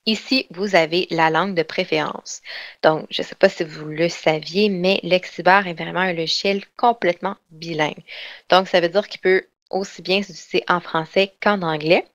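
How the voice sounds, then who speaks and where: A woman giving an online software training session, explaining in a chatty way with lots of fillers and restarts. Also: fairly low pitch, steady tone, moderate pace, no echo. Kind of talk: online webinar demonstration.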